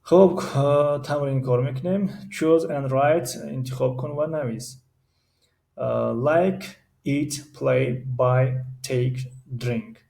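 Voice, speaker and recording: A Tajik-accented male teacher walks through an English grammar lesson at an unhurried pace. His voice is mellow and dark with a gravelly edge, and he slows right down to spell out each English example, pausing with many hesitation sounds. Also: medium pitch.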